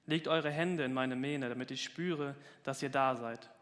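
A man reading aloud and voicing a great lion king who speaks slowly, gently and sorrowfully. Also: mid-range voice, in a large hall, natural voice. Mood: sad gentle.

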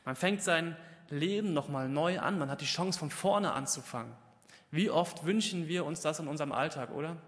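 A man's voice: a little high, moderate pace, a bit bright, in a large hall. A man preaching a Pentecost sermon in a church, talking conversationally, asking questions and answering them himself, and raising his voice to act out the biblical dialogue. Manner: acts out the biblical dialogue with raised, emphatic voice.

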